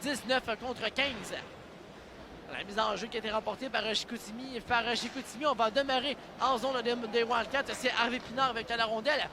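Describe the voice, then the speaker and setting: A man with a Quebec French accent giving excited sports commentary as an ice hockey play-by-play announcer, urgent and ready to burst into shouts. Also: very high-pitched, moderate pace, background noise. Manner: urgent calls that burst into shouts on shots and goals. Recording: loud arena crowd and music behind. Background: cheering crowd and arena music.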